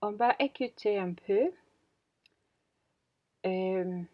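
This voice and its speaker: Woman in her thirties, very slow hesitant teacher, muffled lo-fi sound. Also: medium pitch. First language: Spanish. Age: 30s. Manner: hesitant, many fillers and self-corrections. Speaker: French teacher. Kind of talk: slow beginner language lesson. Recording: dull lo-fi audio.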